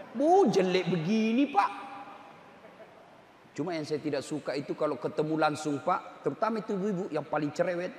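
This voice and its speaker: A man preaching a humorous sermon to a crowd, joking and swinging between loud and soft. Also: on the high side, slight background noise. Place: large hall with an audience. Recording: echoey hall, faint ambience.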